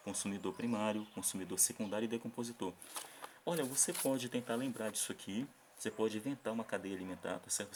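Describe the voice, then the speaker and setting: A man's voice: fairly low pitch, a little hiss or hum. A Brazilian man teaching a recorded remote class, patiently explaining a worksheet and checking in with short tag questions after nearly every phrase.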